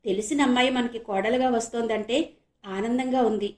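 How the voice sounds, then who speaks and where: A woman's voice: on the high side, fairly even intonation, a little fast, a little mellow, echoey room, natural voice. A woman voicing an anxious middle-aged father who speaks with agitated urgency. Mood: worried.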